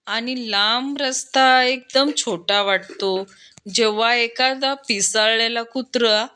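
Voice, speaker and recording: A woman reading short jokes aloud, dropping low and soft to name each speaker. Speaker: joke reader.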